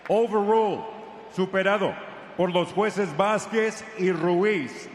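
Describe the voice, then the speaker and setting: A man's voice: high-pitched, measured pace. A man doing formal, ceremonious bilingual ring announcing, declaiming like a lucha libre announcer over an arena PA. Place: boxing ring in an indoor arena. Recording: echoey arena PA with long reverb, noisy.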